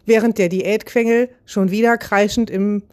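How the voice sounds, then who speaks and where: A woman hosting a podcast, telling a humorous story in a lively, self-mocking way. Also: mid-range voice, moderate pace. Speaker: podcast host.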